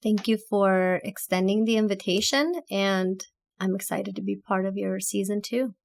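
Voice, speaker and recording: A woman in her thirties from Azerbaijan, telling her story in a reflective interview with measured, deliberate phrasing. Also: medium pitch, level tone, creaky. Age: 30s. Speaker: podcast guest, author and entrepreneur.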